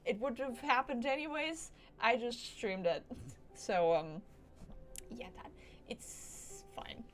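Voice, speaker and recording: Speaking slowly in a higher-than-average voice with lively intonation, a woman offers casual, playful commentary while livestreaming a video game, talking to the game and her audience. Video game music plays behind her.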